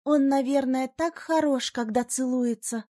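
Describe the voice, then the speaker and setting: Woman voicing romantic young girl friend, eager, coaxing, higher pitch, storybook. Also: measured pace, mellow. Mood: dreamy.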